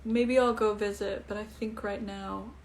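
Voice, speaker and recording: On a casual livestream from her home, a breezy young Icelandic singer answers comments, chatting with many fillers. Her medium-pitched voice keeps a steady tone, and her pace is a little slow.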